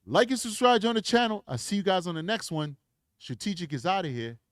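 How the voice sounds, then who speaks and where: Guy hosting a true crime stream, kinda high voice, fired up then chatty, dry mic. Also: lively intonation, brisk, no echo. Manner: preachy, emphatic, then chatty plugs. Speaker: true crime livestream host. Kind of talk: impassioned livestream outro. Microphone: desk microphone.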